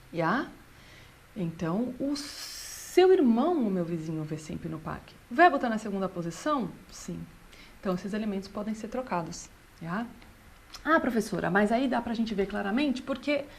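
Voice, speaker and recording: A woman, a language teacher patiently explaining grammar and slowing down to read out example sentences. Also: a little high, a little hiss or hum. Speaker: German teacher.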